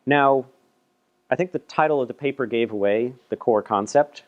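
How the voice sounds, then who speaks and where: A man's voice: medium pitch, normal speed, narrow, tinny audio. A man giving a casual, chatty technical talk at a meetup, presenting a paper with self-deprecating asides and frequent repeated words. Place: meetup room.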